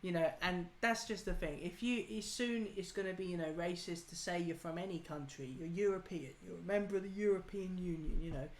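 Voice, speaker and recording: A man's voice: sits high, a little fast, few pauses. A man from England arguing political opinions in a casual debate, emphatic and ranting. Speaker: political talk show host. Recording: echoey room with faint noise.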